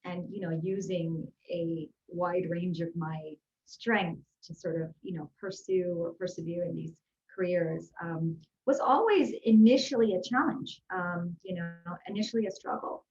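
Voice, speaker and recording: Heard over a muffled video call, this Houston, Texas executive and life growth coach answers interview questions in an upbeat, earnest, chatty manner. Her voice sits lowish with a darkish tone, and she talks a little slowly.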